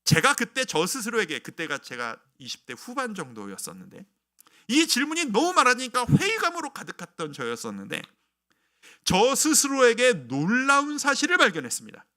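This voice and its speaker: Lively, bright-voiced male pastor preaching. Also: very high voice, normal speed. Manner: storytelling sermon, acting out his own past prayers with rising intensity. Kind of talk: sermon.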